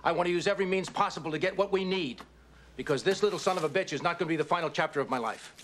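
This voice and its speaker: A man's voice: a little high, rapid-fire, noisy background, close to an everyday voice. An actor playing a ruthless, middle-aged male intelligence official in a film, cold and driven. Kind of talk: film dialogue.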